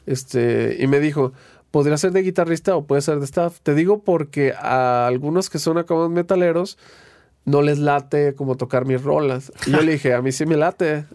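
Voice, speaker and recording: Slightly high-voiced Mexican man, rambling storyteller. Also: normal speed, dry recording, clean studio sound. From Guadalajara, Mexico. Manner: relaxed, rambling storytelling with slang and restarts. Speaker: guest, guitarist and producer. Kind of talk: casual conversational interview.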